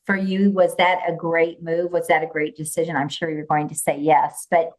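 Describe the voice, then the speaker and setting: A woman's voice: sits low, level tone, moderate pace, poor audio. Enthusiastic woman podcast host. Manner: enthusiastic, warm affirmations. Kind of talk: casual interview.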